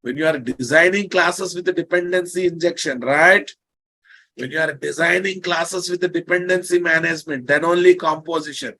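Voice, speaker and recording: A man's voice: fairly high pitch, normal speed, bright, forceful tone. A man with an Indian accent lecturing online as a programming instructor, bluntly teasing, repeating his phrases and checking understanding with questions.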